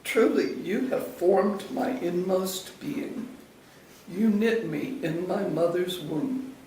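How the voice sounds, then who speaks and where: A man reading scripture as a lector in a church service, deliberately, phrase by phrase, in an echoey, distant recording. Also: high voice, dark tone, a little hiss or hum.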